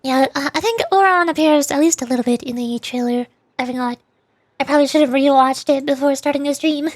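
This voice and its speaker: Thinking aloud while she plays, a VTuber game streamer offers casual, chatty commentary during her livestream. She speaks at a quick pace in a high voice with no echo, over faint game music.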